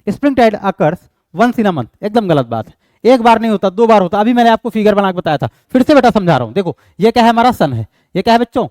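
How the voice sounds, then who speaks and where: Indian guy teaching exam prep, kinda high voice, reads english questions slow, dry close sound. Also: sing-song, darkish tone, no room sound. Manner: explains step by step, asks and answers his own questions.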